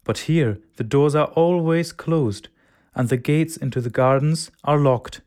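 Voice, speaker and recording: A man plays a newcomer from Vietnam in a listening-test clip, wistfully comparing village life with the closed doors of his new home. The voice is mid-pitched and plain. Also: unhurried, a little mellow, close to an everyday voice. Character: person from Vietnam, missing village neighbors. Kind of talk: scripted testimonial for a listening test.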